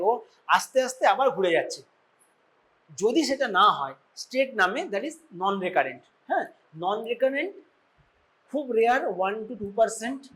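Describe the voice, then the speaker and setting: Bengali-accented man lecturing on surgery. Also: high voice. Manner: informal, quizzing students, frequent "okay?" check-ins. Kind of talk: classroom lecture to medical students.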